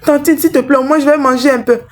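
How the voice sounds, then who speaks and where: A small hungry girl pleads in a raised, childlike voice, as a woman puts her on. She sounds timid and anxious, never raising her voice far. The storybook tone stays gentle and earnest. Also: sits high, steady tone, fast talker, pitched above the performer's own voice, natural voice. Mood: pleading. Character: poor little girl selling plantains, timid and pleading.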